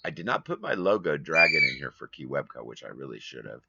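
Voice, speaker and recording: A man's voice: a bass voice, big pitch swings, fast, vocal fry, muffled recording, heavy background noise. A man hosting his own live stream from a home studio, talking casually and rambling as he grumbles at length.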